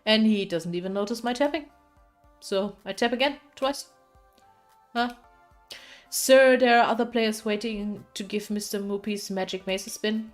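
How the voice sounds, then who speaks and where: A woman's voice: mid-range voice, normal speed, soft background music. A young woman streamer reading a visual novel aloud, playful and chatty, laughing often.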